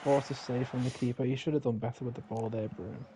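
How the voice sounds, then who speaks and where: A man's voice: medium pitch, steady tone, quick pace, dark tone, slight background noise. A man chatting while gaming, giving mock-dramatic commentary on a match. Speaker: streamer playing with friends. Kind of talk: casual chat while gaming.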